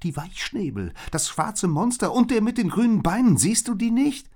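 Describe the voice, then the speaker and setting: A man voicing a young female pigeon in a storybook, calling out in loud alarm. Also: on the high side, very animated, unhurried, pitched above the performer's own voice.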